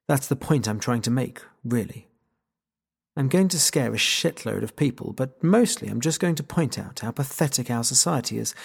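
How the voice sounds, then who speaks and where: A man narrates a novel in the first person with a wry, sardonic edge. His voice is mid-pitched and gravelly, with a husky grain that stays under every line. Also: a little mellow. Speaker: audiobook narrator.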